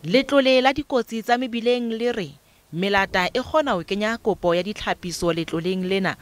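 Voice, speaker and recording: Casting: high-register man, Sotho accent from South Africa, narrating scripted news packages. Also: fairly quick. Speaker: news reporter.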